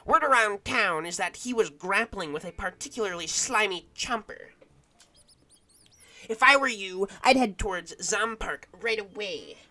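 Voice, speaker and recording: Man putting on a squeaky fussy sewer rat. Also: expressive, a little slow, sharp tone, heavily acted. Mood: gossipy. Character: fussy male pizza-loving sewer rat.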